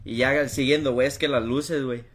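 A young man with a Mexican accent, telling an anecdote to friends in a relaxed way and filling his sentences with slang. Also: mid-range voice, a little fast, slightly rough. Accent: Mexican Spanish. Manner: laid-back, peppers speech with "güey". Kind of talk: casual storytelling among friends.

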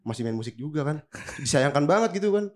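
A podcast co-host with a Jakarta Indonesian accent jokes around in slangy, casual chat, his voice congested and a bit nasal from a recent cold. He talks fast, with a fairly high pitch and lively intonation.

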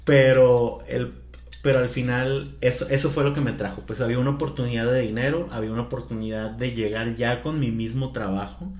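A man's voice: medium pitch, steady tone, a little fast, a little mellow, roomy sound. A man from Culiacán, chatting casually as a podcast co-host and explaining at length. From Culiacán, Mexico. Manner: chatty, explanatory, laughs easily. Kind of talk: casual chat.

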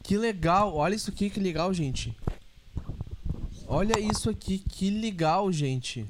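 A man's voice: high voice, animated, a little slow, a little hiss or hum. A man, hosting a podcast in a playful, chatty way and scolding a child now and then. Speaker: podcast host. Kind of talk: casual chat.

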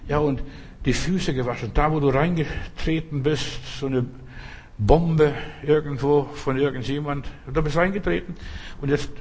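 A man delivers a provocative sermon in a loose, conversational way. His voice is husky and sits a little high. He keeps turning to the listener with direct questions. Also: darkish tone. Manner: conversational, provocative preaching, often asks "verstehst du?". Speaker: preacher.

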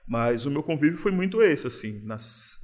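A man's voice: fairly high pitch, normal speed. Paulistano guy chatting as a guest, laid back, reflective, says mano a lot. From São Paulo, Brazil. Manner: relaxed, reflective, uses street slang. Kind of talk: casual interview.

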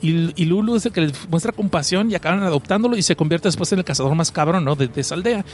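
A man with a Mexican accent retelling a story in casual, profane commentary, animated and full of slang. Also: on the high side, quick pace, a little hiss or hum. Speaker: anime and manga reviewer.

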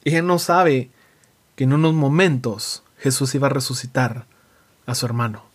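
A man giving a reflective devotional sermon, slowing down and dropping his voice for emphasis. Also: mid-range voice, fairly even intonation, slightly rough. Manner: reflective, slow emphatic pauses, dramatic drops in voice. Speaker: preacher.

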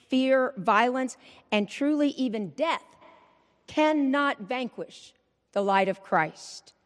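Woman preacher at a pulpit microphone. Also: on the high side. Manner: measured, rhythmic preaching with repeated refrains. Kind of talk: Easter Vigil sermon. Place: large church. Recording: long church reverb.

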